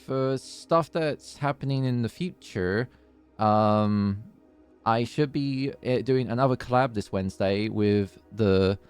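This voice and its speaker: A man's voice: mid-range voice, slow pace, darkish tone, clear, resonant tone, soft background music. A man chatting casually on a livestream in a hesitant, rambling way. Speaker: streamer.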